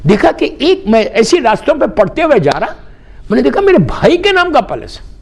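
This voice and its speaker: A middle-aged man preaching from the pulpit in a very high voice. His pitch swings widely as he tells a story to the gathering. He calls the listeners his friends and drops English phrases into his speech. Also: wildly swooping pitch, gravelly. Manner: addresses the audience directly as friends. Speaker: religious scholar preaching a majlis.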